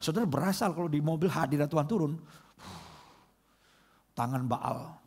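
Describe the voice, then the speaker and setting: A middle-aged male pastor, preaching a lively sermon that swings between comic mimicry and soft, prayerful moments. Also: fairly high pitch, moderate pace, breathy edge.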